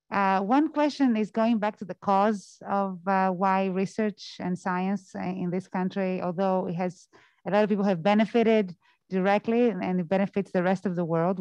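A woman with a Greek accent puts a question to a seminar speaker, pausing and searching for her words. Her voice sits at a middle pitch and is recorded dry, close to the mic. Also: steady tone, darkish tone, clear, resonant tone, dry recording, highs cut off. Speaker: audience member asking a question.

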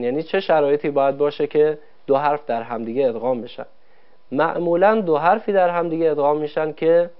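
Man teaching recitation, polite formal lesson, step-by-step, muffled lo-fi sound. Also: a little high. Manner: polite, explains step by step and poses questions. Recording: dull lo-fi broadcast audio.

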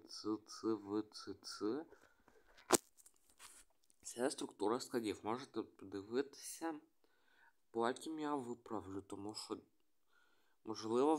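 A man hesitantly explaining the alphabet, tenses and grammar of a language he invented, going through his slides with many pauses and restarts. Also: on the low side. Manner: hesitant, reading letters one by one, many restarts. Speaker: hobbyist presenting a made-up language. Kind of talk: screen-share explainer.

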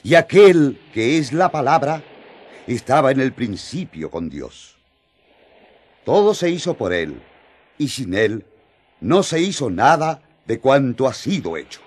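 An actor playing John the apostle, an earnest, excitable man who speaks emphatically and coaxingly in a radio drama. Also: medium pitch, slightly rough. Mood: solemn, proud. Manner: emphatic, halting with eagerness, coaxing. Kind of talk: radio drama acting in colloquial Spanish.

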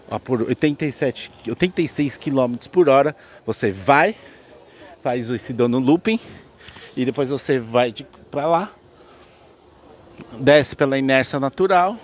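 A Brazilian man, playful and slangy, giving an informal on-location video report into a handheld microphone, addressing viewers directly. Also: medium pitch. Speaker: reporter, presenter. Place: outdoors at an amusement park. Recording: clear outdoor ambient noise.

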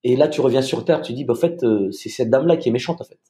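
This Malagasy man's voice is warm and medium in pitch. He's a guest on a podcast recounting something from his own life, stumbling over and repeating words while performing the voices of the people he quotes.

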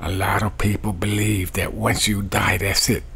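Middle-aged man, webcam sermon, very deep, gravelly, small bedroom, faint room hiss. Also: level tone, fairly bright tone. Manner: slow, repetitive preaching cadence. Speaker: street preacher.

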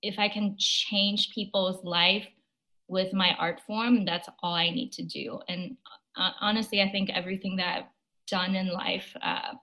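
A young Chinese opera singer talks casually in a video-call interview, her medium-pitched voice sounding flat, unhurried, pushed and bright. She comes across as thoughtful, scattering fillers and light laughs throughout, and the audio quality is poor.

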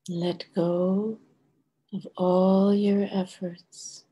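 Older woman, soft hushed slow meditation guide. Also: mid-range voice, flat delivery. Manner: soft, hushed, slightly breathy, soothing delivery with long pauses. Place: bright room at home, indoors. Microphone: video call microphone.

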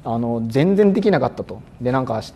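A male exam prep instructor giving a lecture, speaking crisply and a bit loudly on purpose, with frequent fillers, sometimes acting out examiners. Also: mid-range voice, expressive, fairly quick, slight background noise. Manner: acts out examiners and exam-day self-talk.

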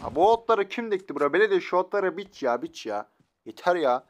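Young guy doing chatty game commentary, teasing enemies, kinda high voice. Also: sing-song, a little fast, slight background noise. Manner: playful, teasing opponents, slangy. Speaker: gaming YouTuber.

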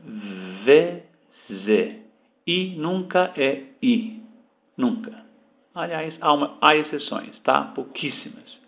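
A Brazilian man teaching English pronunciation, slowly repeating words for the learner. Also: on the high side, expressive, vocal fry, dull audio. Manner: slow, deliberate, repeating words to model pronunciation. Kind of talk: language lesson explaining pronunciation.

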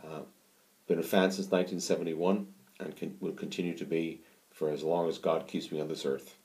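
A man's voice: very deep voice, flat delivery, fairly quick, a little mellow. A man recording a heartfelt video greeting as a fan, on a phone or webcam in a dim room. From Ireland.

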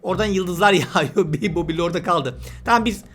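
Male let's-player, high bright voice, chatty and teasing, banters with on-screen creatures over soft music. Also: quick pace. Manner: chatty, teasing, talks to game characters. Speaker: gameplay commentator. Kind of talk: casual let's-play commentary.

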